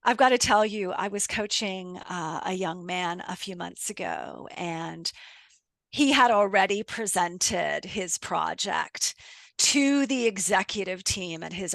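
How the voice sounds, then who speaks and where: A middle-aged woman coach talks at an unhurried pace, her voice carrying some fry. She poses reflective questions to listeners and recounts stories from coaching sessions, recorded close and dry. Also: fairly low pitch, a bit bright, no room sound. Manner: reflective, rhetorical questions, retells client stories. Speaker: communication coach. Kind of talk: podcast talk with listeners.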